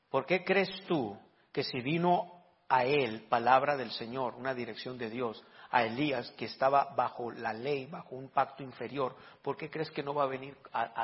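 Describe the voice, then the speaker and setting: A man preaching a sermon as pastor, lively, with frequent amens and rhetorical questions. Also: mid-range voice, muffled recording.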